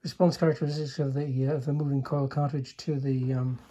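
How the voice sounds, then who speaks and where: This older radio repairer shows off a restored chassis in a relaxed, hands-on demo, hesitant and understated, with remarks that trail away. His mid-range voice is warm and flat in delivery, running a little fast, and the recording has its highs cut off.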